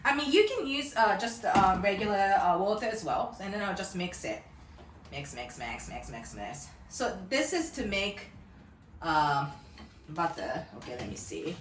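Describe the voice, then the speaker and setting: A woman's voice: mid-range voice, very animated, a little slow, background noise. A woman in her thirties from Tokyo with a Japanese accent, hosting a casual cooking demo in her home kitchen, chatty and rambling and laughing often. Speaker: cooking video host. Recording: echoey kitchen, mic at a distance.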